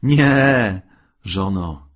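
A man's voice: on the low side, expressive, very slow, full character voice. A man doing a timid, pleading fisherman. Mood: refusing. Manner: pleading, hesitant, stammering. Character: timid fearful old fisherman husband.

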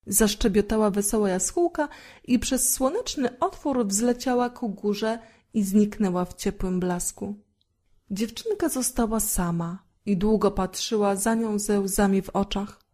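A woman reads a fairy tale aloud in a gentle, expressive storytelling manner. Her voice is mellow and dark-toned, sitting at an ordinary pitch. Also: unhurried.

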